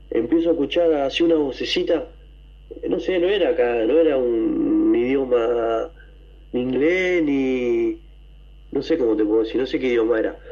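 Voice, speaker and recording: A man with an Argentine accent, telling a story to a radio show, excited and rambling, with coughs and throat clearing. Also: medium pitch, dull audio. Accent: Argentine Spanish. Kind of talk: casual storytelling.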